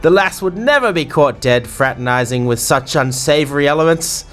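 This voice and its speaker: A man's voice: fairly high pitch, animated, normal speed, fairly bright tone, soft background music, voice pushed up. A man voicing a boisterous, bawdy male sailor innkeeper in a put-on English pirate accent, full of salty slang. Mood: jovial. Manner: salty slang, rambling banter.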